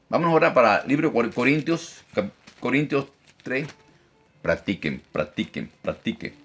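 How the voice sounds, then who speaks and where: A man teaching a Bible study as pastor, animated, often repeating phrases and checking in with his listeners. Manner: lively, animated teacher who mimics critics in a high mocking voice. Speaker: pastor teaching a discipleship class.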